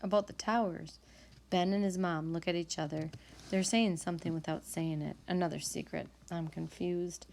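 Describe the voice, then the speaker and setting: A woman reading a novel aloud with calm, measured storytelling. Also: on the low side, creaky. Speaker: audiobook reader.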